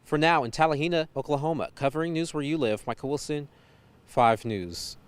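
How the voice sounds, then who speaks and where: A man's voice: on the high side, fairly quick, smooth. A man narrating a scripted local television news report as a reporter.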